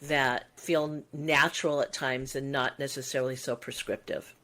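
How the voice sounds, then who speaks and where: A woman in her sixties co-hosts a podcast, musing reflectively in long, winding sentences during casual conversation. Her extremely low voice is steady and sharp-toned at a moderate pace.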